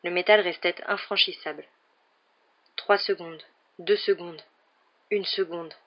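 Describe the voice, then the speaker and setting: Measured audiobook reader, muffled audio. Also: mid-range voice, fairly even intonation. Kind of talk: scripted novel narration.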